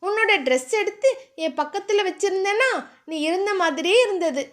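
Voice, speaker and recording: Brief: a woman playing a naive, childlike young heroine in an audiobook romance, very high, soft and pleading. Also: animated, moderate pace. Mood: sweet.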